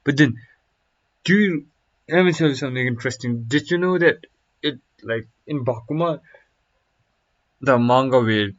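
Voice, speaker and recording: A man's voice: mid-range voice, moderate pace, pauses often. A young man streaming, chatting casually and reacting to a video in a rambling, slangy way full of fillers. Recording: dull lo-fi mic.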